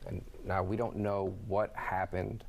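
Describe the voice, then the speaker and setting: A man with a deep voice and plenty of vocal fry, speaking as a safety advocate in an interview. He gives his advice in a measured, slightly halting manner. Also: level tone, darkish tone. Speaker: motorcycle safety advocate guest. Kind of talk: interview commentary.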